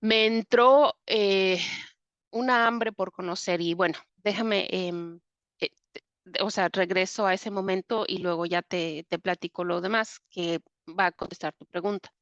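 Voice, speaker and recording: A woman's voice: medium pitch, fairly even intonation, unhurried, a bit bright, no room sound, lo-fi sound. Mexican woman telling a vivid personal story. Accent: Mexican Spanish. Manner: vivid retelling with many fillers. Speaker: interview guest.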